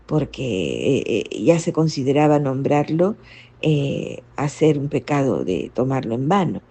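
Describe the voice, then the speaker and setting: A woman giving a reflective spiritual teaching, explaining gently and often adding rhetorical questions. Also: rumbling low, sing-song, unhurried, husky. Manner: reflective, frequent rhetorical "¿no?" tags. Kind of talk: spoken catechesis talk.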